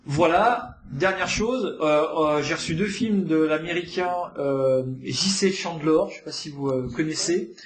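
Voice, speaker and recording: A man's voice: on the high side, a little slow, hardly any pauses. A man hosting a library podcast, recommending films in a casual, hesitant way with many fillers and restarts.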